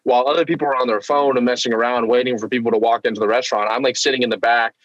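A man's voice: mid-range voice, steady tone, racing, a bit bright, dry recording. Driven young man, dry dull audio. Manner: emphatic, driven motivational talk. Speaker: guest entrepreneur. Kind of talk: casual interview talk.

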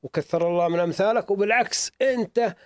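A man's voice: high-pitched, fast talker, no echo, studio quality. A middle-aged man with a sore throat, telling stories earnestly in a casual interview as a museum owner. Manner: earnest, storytelling, repeats himself for emphasis.

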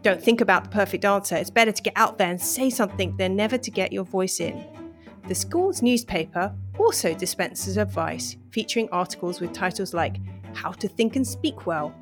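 A university lecturer with an animated, mid-range voice reads a passage aloud at a moderate pace, then answers interview questions thoughtfully but hesitantly, with many fillers and restarts. Soft music plays in the background.

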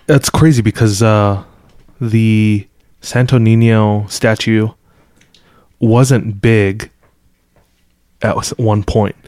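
A man with a lowish voice chats as a co-host in a cabin in the woods. He explains background in plain, casual talk, with little room echo. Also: darkish tone, clean studio sound. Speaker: podcast co-host.

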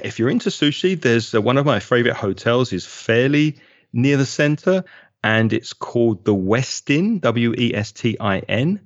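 A man's voice: lowish voice, no room sound, muffled recording. A man with a London accent, a guest chatting casually and enthusiastically in an interview, spelling out names as he goes. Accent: London English. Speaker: guest, local resident.

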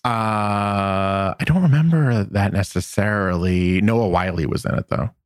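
A man co-hosting a podcast, chatting casually and recapping episodes with a relaxed, rambling manner. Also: on the low side, unhurried, smooth, dry recording, studio quality. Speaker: podcast co-host.

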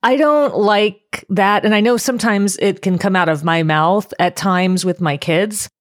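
A woman in her thirties or forties, a life coach co-hosting a casual chat, talking earnestly and in an animated way. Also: mid-range voice, measured pace, dry recording, studio quality. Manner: earnest, animated, acts out quoted voices.

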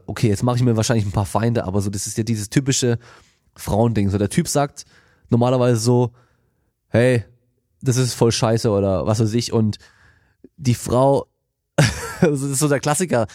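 A man's voice: fairly low pitch, mellow, no room sound, clean studio sound. A young man hosting a podcast, telling a story in casual slang and acting out quoted lines, recorded seated at a podcast microphone. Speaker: podcast host. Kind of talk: casual monologue. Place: home studio, seated.

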